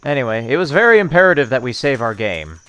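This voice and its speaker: A man's voice: mid-range voice, sing-song, fast talker, a bit bright, clear, resonant tone. A young man casually commenting on his gameplay in a goofy, rambling way, often muttering to himself. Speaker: let's play streamer.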